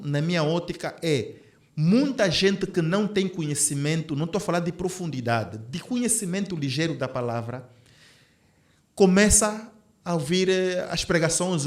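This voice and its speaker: A man's voice: a little high, echoey room. A man, co-hosting a casual podcast conversation and thinking aloud earnestly with many restarts. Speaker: podcast co-host.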